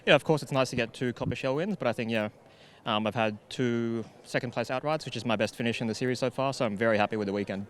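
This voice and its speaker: A man's voice: medium pitch, slight background noise. A man who finished second in the race, speaking in an easygoing way in a post-race interview. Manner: fast, easygoing talk. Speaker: race driver.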